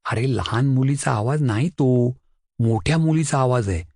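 Brief: man reading an earnest boy friend, plain and hushed-urgent. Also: medium pitch, moderate pace, no echo, studio quality, natural voice. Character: earnest schoolboy friend sharing news.

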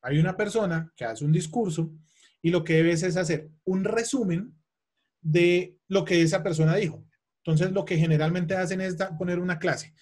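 A man's voice: high-pitched, moderate pace, a little mellow. A man teaching an English exam webinar, emphatic and repeating key points, asking his audience questions. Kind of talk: webinar lesson.

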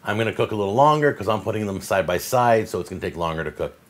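A man's voice: lowish voice, expressive, racing. A man hosting a casual home cooking demonstration, upbeat and instructional, from an older video. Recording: older video with faint background noise.

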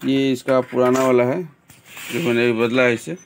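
A man with a Bihari Hindi accent calmly explaining a TV repair step by step in a small workshop, filmed on a phone. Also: mid-range voice, moderate pace, background noise. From India. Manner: plain, step-by-step explaining, addresses viewers as friends. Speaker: TV repair technician. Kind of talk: repair tutorial narration.

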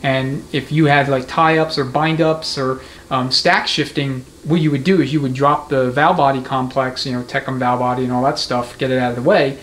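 With a steady, slightly bright mid-range voice, a transmission mechanic talks at a moderate pace with few pauses. He gives an unscripted, hands-on tutorial, methodical and conversational, amid the clear noise of an indoor repair workshop.

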